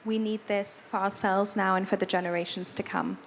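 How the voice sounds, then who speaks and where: A woman interpreting on a panel, relaying each passage in steady, even phrases. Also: mid-range voice, a little fast, slight background noise. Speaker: moderator and interpreter. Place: large hall at an event.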